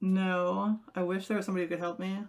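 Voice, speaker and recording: A woman's voice: mid-range voice, level tone, fast talker. A young woman live-streaming from home, rambling chattily to her viewers while she fiddles with something. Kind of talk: casual live-stream chat.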